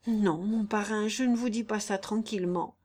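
A woman's voice: mid-range voice, fairly even intonation, normal speed, a little mellow, close to an everyday voice. A woman voicing a simple, devoted young peasant girl who speaks earnestly and plaintively in an audiobook. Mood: pleading. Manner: earnest, plaintive, rustic phrasing. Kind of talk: audiobook character reading.

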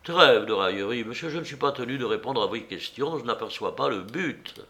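A man playing an indignant arrested gentleman. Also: mid-range voice, lively intonation, a little fast. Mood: defiant. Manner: indignant, restrained anger.

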